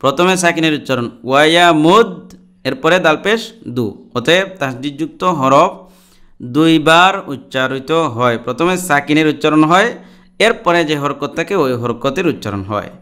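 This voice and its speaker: A man's voice: fairly high pitch, lively intonation, normal speed, a bit bright, smooth. A man teaching Quran reading, spelling out letters and vowel marks syllable by syllable, chanting words drawn out, and turning to the viewers to explain. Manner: addresses viewers directly in explanations. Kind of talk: slow spelled-out recitation lesson.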